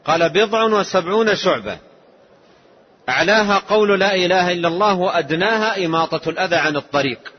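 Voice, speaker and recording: A man giving a slow, measured religious lesson, explaining a text line by line. His voice is husky. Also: sits high, expressive. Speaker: Islamic scholar. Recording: dull lo-fi lesson tape.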